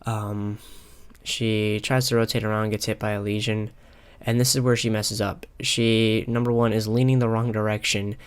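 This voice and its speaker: A young man calmly talking over a replay of his own ranked match, pausing often with filler ums. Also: lowish voice, smooth. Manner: halting, many filler ums, calm and analytical. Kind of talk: casual gameplay commentary. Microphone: console headset mic.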